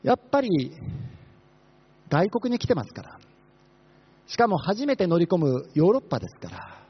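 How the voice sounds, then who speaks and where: Quick-talking, lively man preaching. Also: high-pitched, slightly rough. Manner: fast-talking, asks the congregation questions. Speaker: pastor. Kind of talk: sermon. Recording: dull lo-fi sermon recording.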